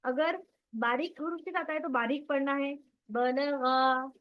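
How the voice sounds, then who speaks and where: A woman's voice: sits high, moderate pace, muffled recording. A woman teaching Quran recitation in an online class, patiently drilling sounds and quizzing her students.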